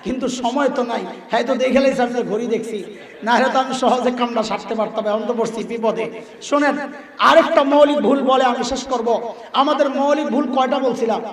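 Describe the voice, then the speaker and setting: A man's voice: extremely high pitch, brisk. A man preaching an Islamic sermon to a crowd, quizzing the audience call-and-response style and acting out voices. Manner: acts out voices in quotes. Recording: echoey hall from far off.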